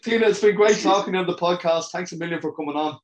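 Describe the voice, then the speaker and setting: A man hosting a podcast interview, friendly and halting, full of fillers and quick agreement. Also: high voice, echoey room, lo-fi sound. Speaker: podcast host. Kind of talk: casual interview.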